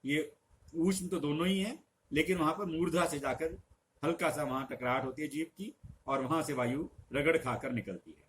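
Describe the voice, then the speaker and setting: A middle-aged male teacher explains patiently, stretching out each example sound slowly for emphasis. His voice sits a touch higher than most men's. A faint hiss of background noise runs under the lesson. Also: a bit bright. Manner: patient, instructive. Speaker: Hindi teacher.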